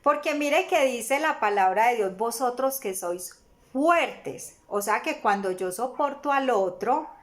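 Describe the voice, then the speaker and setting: Slow, earnest woman teaching Bible. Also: fairly high pitch, expressive. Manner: earnest, asks rhetorical questions, acts out everyday examples. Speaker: church teacher. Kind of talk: Bible lesson sermon.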